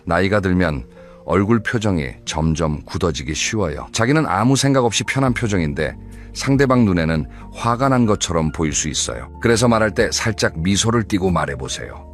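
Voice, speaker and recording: Male narrator with a very low voice. Calm, measured advice read from a script. Faint music underneath. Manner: calm, measured and advising, speaking directly to the listener. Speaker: narrator of advice videos for older listeners.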